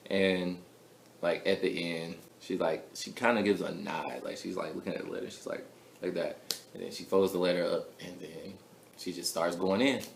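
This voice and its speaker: A man's voice: deep voice, fairly even intonation, moderate pace, vocal fry, a little hiss or hum. A young man telling a personal story to camera in a casual, chatty vlog, full of filler words. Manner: chatty, full of "like" fillers, soft mumbles between louder bursts. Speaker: vlogger. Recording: echoey room with faint ambience.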